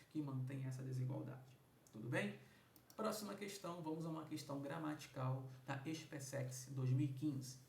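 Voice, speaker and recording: A man teaching an exam review lesson, who slows down and stresses words loudly when breaking them into sounds. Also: gravelly. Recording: echoey room, mic at a distance, faint rumble.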